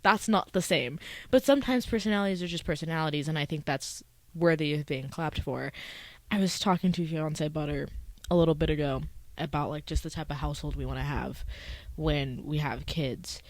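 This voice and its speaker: A woman's voice: sits low, a little fast, dry recording, poor audio. A young woman talking casually and emotionally to her viewers, chatty and slangy, laughing often and getting teary. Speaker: vlogger. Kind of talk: casual heartfelt talk to camera.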